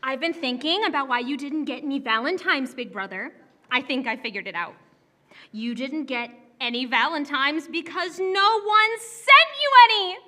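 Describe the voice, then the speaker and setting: A woman's voice: sits high, animated, moderate pace, bright, forceful tone, faint music behind. A woman playing a petulant, grumpy little sister in a stage musical, announcing her bad mood. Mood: smug. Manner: petulant, declares she is angry. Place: community theater stage.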